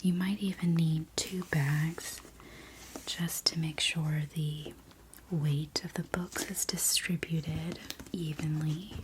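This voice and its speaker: A woman in a whispered role-play as a library clerk, speaking in a soft, breathy library whisper with gentle customer-service manner. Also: sits low, steady tone, takes it slowly, noisy background. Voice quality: breathy, mostly unvoiced whisper. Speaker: ASMR performer playing a library clerk.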